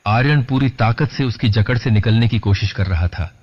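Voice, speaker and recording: Low-voiced man narrating horror. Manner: dramatic, measured. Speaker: horror storyteller. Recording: lo-fi dull recording.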